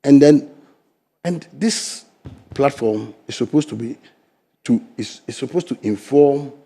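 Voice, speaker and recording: This unhurried, creaky, slightly rough male voice belongs to an older Ghanaian guest from the fisheries sector, speaking with a Ghanaian English accent in a studio interview. He argues emphatically, alternating forceful stresses with quiet asides.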